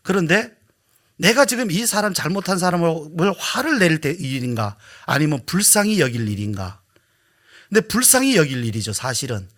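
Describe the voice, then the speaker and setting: A man preaching a Sunday sermon as pastor, swinging between hushed, whispered asides and loud, emphatic rhetorical questions. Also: fairly high pitch, sing-song, normal speed. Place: church sanctuary.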